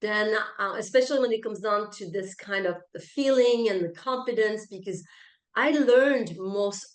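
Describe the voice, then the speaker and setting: At a moderate pace and with a mid-range voice, a native French speaker from France answers an interviewer in an emphatic, self-assured conversational manner, her French accent clear. She's a keynote speaker, coach and author, and the recording is roomy and echoey.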